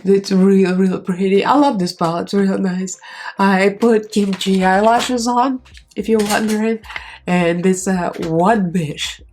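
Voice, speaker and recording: Here a congested beauty vlogger walks through her makeup routine, chatting and rambling with fillers as she works, her cold leaving her voice nasal and strained. She speaks at a measured pace with medium pitch, fairly even intonation and a darkish tone, over a little hiss or hum.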